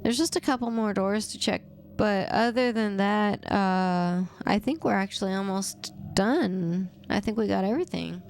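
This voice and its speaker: A young woman livestreaming gameplay, her voice sitting at a middle pitch with a clear gravelly fry running through it. She rambles in a relaxed, offhand way, tossing dry, wry remarks at her viewers and at the on-screen character. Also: moderate pace, hardly any pauses, a little hiss or hum. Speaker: game streamer. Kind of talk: casual live gameplay commentary.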